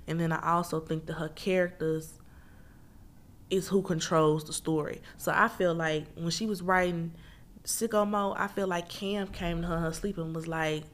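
In a relaxed book review, a Memphis, Tennessee host talks at normal speed with a deep, low voice. She chats in slang and speaks straight to her listeners as though they're pals.

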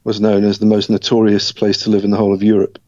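Low flat-voiced man telling his story. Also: dry recording, highs cut off. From Scotland. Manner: reflective, measured, with frequent restarts. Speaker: interview guest. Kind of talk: personal life story in an interview.

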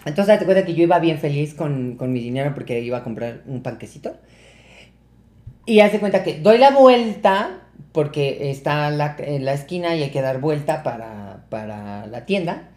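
A young man with a Mexican Spanish accent tells a personal story as a podcast guest, his pitch swinging widely as he acts out every voice in it. He talks in a loose, casual way and swears freely. The room adds a noticeable echo. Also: lively intonation, normal speed, a little mellow. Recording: roomy echo.

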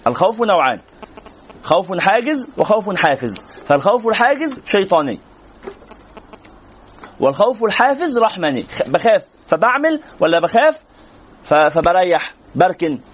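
A man's voice: sits high, sing-song, normal speed, long pauses, lo-fi sound, a little hiss or hum. A man with an Egyptian Arabic accent giving a religious lesson to a class, talking conversationally and answering students' questions. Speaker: sheikh teaching a religious lesson.

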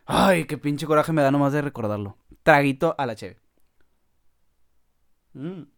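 A man with a Mexican accent and a voice pitched a little above most men's. He tells a comic podcast story in a loose, casual way, packed with crude slang and punctuated by laughter. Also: expressive, unhurried. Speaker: podcast host.

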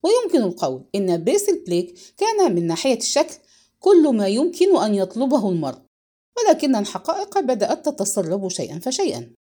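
A woman narrating a novel in a measured, expressive reading. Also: fairly high pitch. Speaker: audiobook narrator. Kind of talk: scripted narration.

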